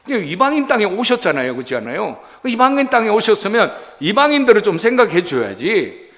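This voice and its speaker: Male pastor, lively Sunday sermon, long church-hall reverb. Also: sits high, fast. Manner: animated, acts out quotes, asks congregation rhetorical questions. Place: church sanctuary.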